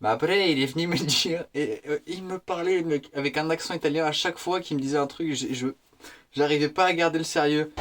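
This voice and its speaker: An eighteen-year-old man chatting casually to his viewers in a slangy, excitable vlog style. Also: on the high side, fairly quick. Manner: slangy, excitable, laughs often. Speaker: vlogger.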